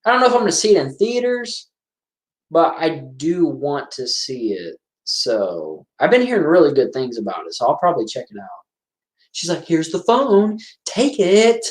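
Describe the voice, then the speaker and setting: A man's voice: a little high, very animated, moderate pace. Chatty man in a roomy room. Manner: rambling, chatty, self-correcting. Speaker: host of a movie commentary stream. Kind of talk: casual live-stream movie commentary. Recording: roomy echo.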